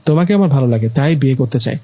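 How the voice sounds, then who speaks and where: A man's voice: mid-range voice, lively intonation, very fast, mellow, breathy edge. A man voicing a coy female ghost bride. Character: female ghost posing as a sweet young bride.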